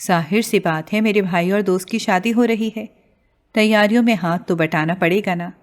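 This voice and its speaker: A woman's voice: medium pitch, natural voice. A woman voicing a friendly young female friend who talks in a coaxing, cheerful way.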